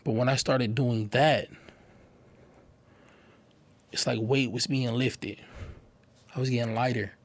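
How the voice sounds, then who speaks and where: Earnest man giving a halting testimony. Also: medium pitch, fairly even intonation. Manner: earnest, halting, repeats words when emotional. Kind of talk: personal testimony to a live audience.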